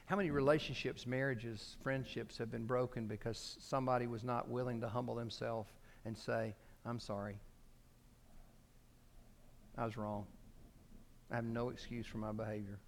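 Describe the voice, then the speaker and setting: A man preaching a sermon, swinging between loud emphasis and quiet asides and acting out quoted speech. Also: medium pitch. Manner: acts out quoted speech in his telling. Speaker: pastor.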